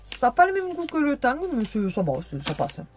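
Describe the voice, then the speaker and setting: A woman's voice: sits high, huge pitch swings, brisk, music in the background. A tired young woman chatting through a casual haul video, rambling and hesitant with many fillers. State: tired, yawning. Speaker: vlogger.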